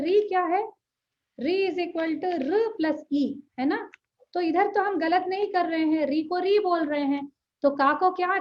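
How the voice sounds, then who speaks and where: A woman with a high voice gives an earnest online language lesson. She keeps checking in with her listeners and stretches syllables slowly to show the right pronunciation. The audio is dull and lo-fi. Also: slight background noise. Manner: earnest, checks in often with "ठीक है", drawn-out pronunciation demonstrations. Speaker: Sanskrit teacher.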